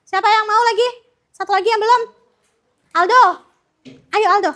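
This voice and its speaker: A woman's voice: very high-pitched, fairly even intonation, moderate pace, pushed and bright, a little hiss or hum. A young woman student teacher leading a primary school class in a classroom, upbeat and coaxing as she calls pupils forward. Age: young adult.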